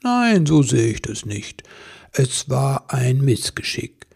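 A man voicing a gentle old santa, warm, chuckling, gravelly and husky. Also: mid-range voice, big pitch swings, takes it slowly, full character voice. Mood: kindly.

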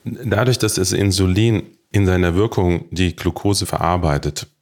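Tiefe Männerstimme, ruhig erklärend. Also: male voice, sits low, fairly even intonation, normal speed. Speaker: diabetes doctor. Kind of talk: explaining to camera.

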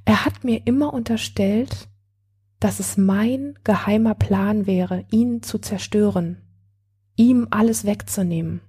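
A woman's voice: medium pitch, takes it slowly, warm tone, breathy edge. A woman voicing a hurt, angry woman in a read-aloud story, brooding and then bitterly cursing her ex-partner.

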